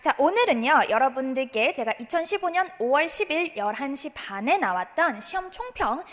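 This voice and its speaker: A woman teacher giving a recorded exam-prep lecture, drilling English pronunciation by modeling words slowly and having students repeat. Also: sits high, lively intonation, a bit bright, big-room sound. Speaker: English speaking test teacher.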